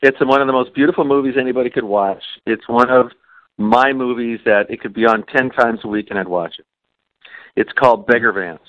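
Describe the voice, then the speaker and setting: A man on a podcast speaks earnestly and leans on repetition, saying key phrases again and again. His voice sits at an ordinary middle pitch. It is recorded dry and close with a slightly dull tone. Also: brisk, dry recording. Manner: earnest, repeats phrases for emphasis. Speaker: podcast co-host. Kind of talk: podcast conversation.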